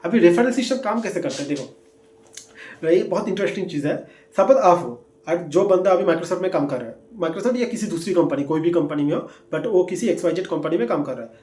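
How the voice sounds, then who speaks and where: Quick-paced and expressive, the young career advice presenter speaks in a high, somewhat dark voice while walking through job-hunting steps. His chatty lesson is full of repetition, fillers and "theek hai" check-ins with listeners, recorded in an echoey room.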